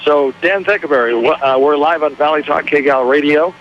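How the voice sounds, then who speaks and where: Folksy man hosting a live radio remote. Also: fairly high pitch. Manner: chatty and folksy, quick follow-up questions. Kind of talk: casual interviewing. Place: outdoors at an old mill on location, near a car. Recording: slightly muffled with faint background noise.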